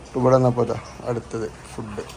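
A man's voice: medium pitch, level tone, fast talker, darkish tone. Casual Malabar Malayalam male vlogger mixing in English. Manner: informal, exclamatory, repeats slang words. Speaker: family travel vlogger. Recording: noisy handheld vlog with background ambience.

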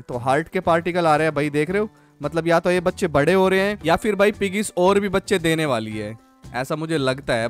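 Chatty man narrating gameplay, slightly high voice. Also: smooth. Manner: chatty, keeps calling viewers "guys" and "bhai". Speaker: gaming channel host. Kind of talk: casual gameplay commentary.

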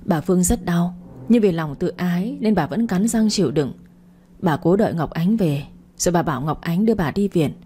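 A woman narrating a radio story in a calm, even reading voice. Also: lowish voice, normal speed, slight background noise.

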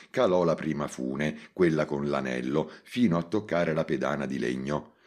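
A man reading a short story aloud in a measured, dramatic way. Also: extremely low pitch. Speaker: audiobook reader. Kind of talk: scripted narration.

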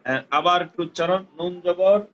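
A man's voice: sits high, normal speed. A male teacher giving an online recitation lesson on a video call, patiently drilling syllables and repeating corrections. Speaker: Quran Arabic teacher. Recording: dull lo-fi call audio.

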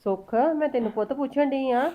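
A woman's voice: high-pitched, a little fast, mellow, lightly acted. An actress playing a middle-aged mother-in-law who coaxes, pries and scolds. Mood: coaxing. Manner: coaxing, prying, scolding. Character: fussing, caring mother-in-law. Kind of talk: family drama acting.

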